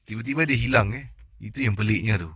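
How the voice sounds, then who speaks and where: A man hosting late-night radio, reading a listener's ghost story in a measured, storytelling way. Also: fairly low pitch, a bit bright, slightly rough, no room sound, studio quality.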